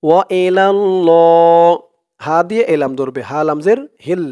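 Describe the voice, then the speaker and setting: Speaking with lively intonation in a somewhat high voice, a man teaches Quran reading slowly and step by step. He divides the words into syllables and follows up by chanting them long and loud.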